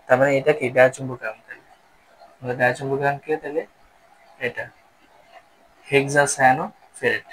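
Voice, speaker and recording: Fast-talking man teaching a lesson. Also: mid-range voice, level tone, vocal fry, slight background noise, low-quality recording. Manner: explaining step by step, asks and answers own questions. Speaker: chemistry teacher. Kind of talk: classroom-style lesson.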